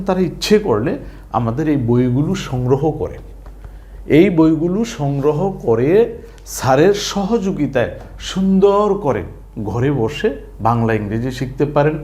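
A man teaching a language lesson online, repeating sounds slowly and asking his students questions as he goes. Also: a little high, a little mellow.

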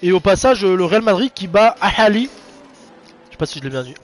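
A young man calls an online racing league live, his high voice swinging up and down in lively bursts. He is excitable and chatty, and he speaks informally and directly to his viewers. Soft music plays behind him. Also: fairly quick. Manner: excitable, chatty, talks straight to viewers, slangy. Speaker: race commentator and streamer. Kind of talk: casual live esports race commentary.

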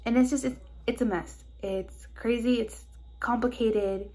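A woman's voice: a little high, normal speed, dark tone, slightly rough. A young woman with a stuffed-up, nasal voice, talking anxiously in a casual personal vlog recorded on her phone. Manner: anxious, rambling with many "like"s. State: stuffed-up nose. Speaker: vlogger. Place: car and hospital hallways, on the move.

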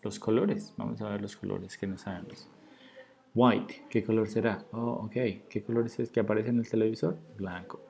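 A man teaching a beginner English lesson, explaining in Spanish and slowly modelling English words for learners to repeat. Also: on the low side, steady tone, vocal fry, mellow. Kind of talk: recorded grammar lesson.

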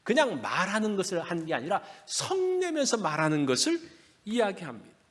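A man's voice: high voice, huge pitch swings, a little fast, a bit bright. A male pastor preaching a Sunday sermon in a church, conversational and asking his listeners questions. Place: church sanctuary. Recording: long reverb of a church hall.

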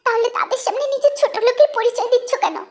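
A woman voicing an indignant young wife who answers her husband with sharp reproaches. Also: extremely high pitch, lively intonation, quick pace, exaggerated voice.

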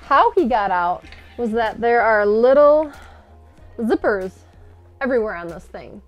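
A woman's voice: a little high, measured pace, lo-fi sound, soft background music. Chatty woman explaining tips inside an RV. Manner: chatty and animated, gesturing while explaining. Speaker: RV lifestyle vlogger. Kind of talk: casual instructional vlog. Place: inside an RV, seated at a table by a window.

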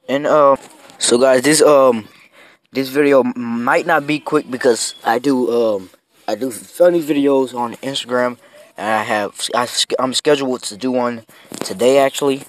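A man giving casual commentary over his own video game match, excitable and quick to yell in frustration, saying "bro" constantly. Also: mid-range voice, a little hiss or hum.

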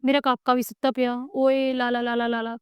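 A cheeky young dad, played by a woman reader, teasing his mother and cooing playfully at his baby. The voice is smooth and clear, with a dry, close sound. It comes from a storybook reading. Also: fairly high pitch, level tone, a little fast, no echo, voice pushed up, close to an everyday voice.

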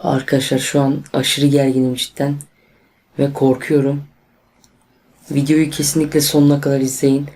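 A man's voice: mid-range voice, normal speed, pauses often. Nervous young Turkish man vlogging. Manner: tense, excitable, addresses viewers as friends. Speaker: YouTuber. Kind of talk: casual vlog to camera.

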